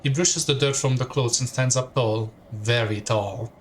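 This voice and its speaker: Streaming a story game, a man reads its second-person text aloud at an ordinary middle pitch, a little slowly. Every so often he stops to add a casual remark of his own, with a faint hiss beneath his voice.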